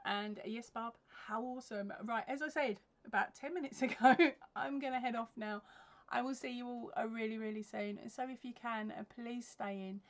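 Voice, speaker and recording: This Englishwoman's fairly high voice keeps a fairly even intonation at a normal speed as she chats on her crochet livestream. Sitting at her desk webcam in a home craft room with yarn shelves, she reads out comments, laughs often, and fills gaps with ums.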